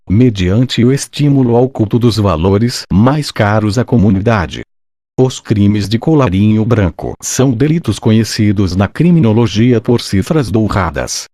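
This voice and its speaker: A man's synthetic, robotic voice with a Brazilian accent, reading scripted educational narration in a formal, measured way. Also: on the low side, mellow, no room sound, studio quality. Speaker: narrator of an exam study summary.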